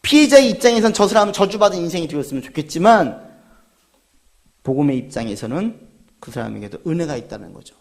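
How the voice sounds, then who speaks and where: A man preaching a sermon as pastor, earnest and full of rhetorical questions. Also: sits high.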